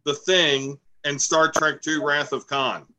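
A man hosts a casual political chat with jokes and rambling asides. His voice sits a little high and sounds bright and forward. He talks loosely and playfully. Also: steady tone, slow, low-quality recording. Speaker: podcast co-host. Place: home, recorded remotely.

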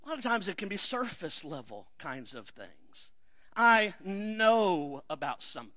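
A man's voice: high-pitched, big pitch swings, measured pace, bright, forceful tone. A middle-aged man preaching a sermon as pastor, talking in a conversational way and building to emphatic rhetorical questions. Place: church sanctuary.

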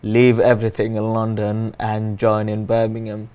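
A man's voice: lowish voice, monotone, normal speed, dark tone, clear, resonant tone, highs cut off. A man in his twenties talking in a casual conversation about his engineering apprenticeship, earnest and often restarting sentences. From Finland. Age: 20s.

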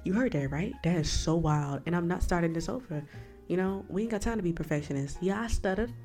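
Low-voiced woman hosting a chatty faith podcast. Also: a little fast, warm tone, faint music behind. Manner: chatty, rambling, asides to the listener. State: slight lisp from a new retainer. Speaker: podcast host. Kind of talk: casual faith podcast monologue.

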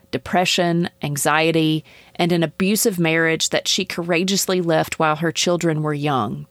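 Woman host, lowish voice, earnest and encouraging, dry close sound. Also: dry recording. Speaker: podcast host. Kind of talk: interview host, reading an introduction.

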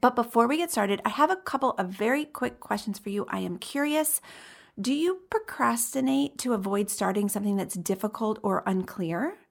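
A woman's voice: a little high, lively intonation, normal speed, vocal fry. A woman hosting a podcast as an encouraging, upbeat life coach, chatting directly to her listeners.

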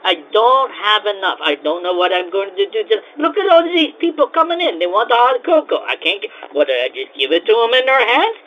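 An actor playing a flustered cocoa-house owner who rants in exasperated, broken grammar and keeps repeating himself. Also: male voice, sits high, big pitch swings, brisk, hardly any pauses, lo-fi sound, a little hiss or hum. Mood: fretting. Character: flustered male cocoa-house owner, frantic, put-upon.

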